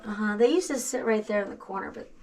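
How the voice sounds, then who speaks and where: A woman's voice: medium pitch, fast talker. A woman guiding a cave tour, her voice echoing off the rock and picked up from a distance over some noise. She is from Texas and talks in an enthusiastic, folksy way, casual and informal as she points things out. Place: inside a cavern, echoing.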